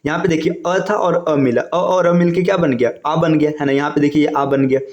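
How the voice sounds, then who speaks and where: A man's voice: a little high, steady tone, brisk, a little mellow, reverberant, lo-fi sound. A male teacher giving a step-by-step exam-prep grammar lesson over slides, often checking in with his listeners. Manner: explains step by step, keeps adding "है ना" and "देखिए".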